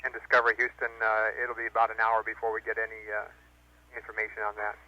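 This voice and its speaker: A man's voice: on the low side, completely flat delivery, fast, bright, forceful tone. A man at mission control speaking matter-of-factly over a radio link, relaying technical instructions to a crew. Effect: radio transmission. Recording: muffled radio link with clear static noise.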